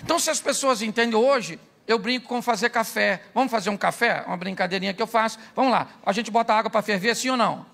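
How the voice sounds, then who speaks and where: A middle-aged Brazilian pastor with a high, gravelly voice preaches in a bright, sharp tone. He delivers a humorous sermon, tells stories and acts out every voice in them. He keeps checking in with his listeners, asking them yes-or-no questions. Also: fast, hardly any pauses. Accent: Brazilian Portuguese. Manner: jokey, acts out dialogue, asks the crowd "sim ou não?".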